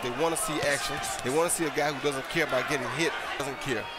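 A man's voice: mid-range voice, steady tone, fast talker. A man giving live boxing analysis from ringside in an emphatic, conversational way. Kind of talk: live color commentary. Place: ringside in large indoor arena. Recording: loud crowd and arena noise. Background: roaring crowd.

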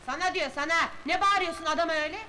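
An actress playing a shrill, scornful wife who nags and scolds her husband, in an old film. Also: racing, sharp tone. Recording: old film soundtrack with faint hiss.

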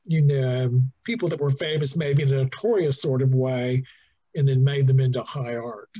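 A middle-aged man from New Jersey, a museum docent giving a relaxed, chatty guided talk over a video call, with fillers and restarts. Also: medium pitch, normal speed. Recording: dull lo-fi video call audio.

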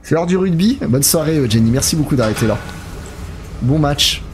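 A man's voice: a little high, lively intonation, a little fast, noisy background. A young man casually commenting as he plays a horror game and thanks his viewers by name. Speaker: let's play streamer.

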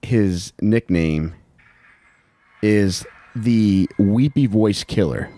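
A man's voice: on the low side, drawn-out words, mellow, no room sound. A man co-hosting a podcast, joking and cursing as he tells the story. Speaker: podcast co-host. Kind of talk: casual chat.

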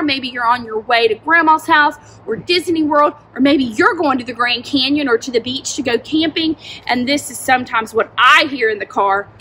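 A woman in her forties teaching a children's Bible lesson outdoors, talking straight to the kids in an animated, expressive way, recorded by a camera a few feet away. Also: high-pitched, a little hiss or hum, poor audio. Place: outdoors in a backyard by a tent.

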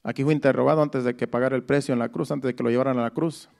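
A man's voice: medium pitch, fairly even intonation, racing, creaky, a little mellow. A man preaching a Sunday sermon. He explains each verse step by step, restating it in plain words and often repeating phrases.

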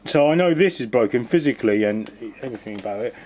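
A man's voice: mid-range voice, expressive, fast, a little mellow. A man giving a rambling, casual walkthrough of a boiler repair, often restarting his sentences and adding jokey asides. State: cold. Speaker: DIY video host.

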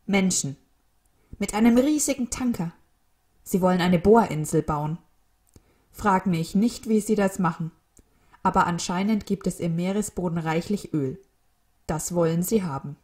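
A woman's voice: on the low side, a little slow, pauses often, a little mellow, lightly acted. A woman voicing a worried male albatross, a weary flock leader who pleads in a raised, strained voice in a storybook reading. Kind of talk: storybook read-aloud.

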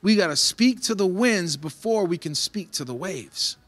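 A man's voice: high-pitched, animated, normal speed, a bit bright. Man preaching a conversational sermon. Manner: conversational preaching, acts out voices in Bible stories. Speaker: pastor.

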